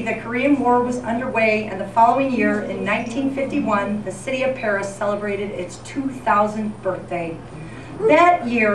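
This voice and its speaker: An event presenter with a theatrical, somewhat high voice delivers a scripted comedic tribute styled as a golden-age radio newscast. It's a live event in a senior center room, captured from far off so the sound is echoey and noisy.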